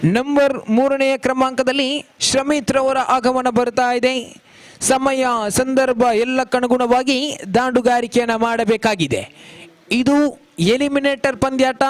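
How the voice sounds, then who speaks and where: A man's voice: very high-pitched, fairly even intonation, slow pace. A man. His delivery is flowing and formal, and it lifts when a big shot comes. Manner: flowing, formal commentary with rising calls on big shots. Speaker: cricket commentator. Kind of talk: live cricket commentary. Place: cricket ground.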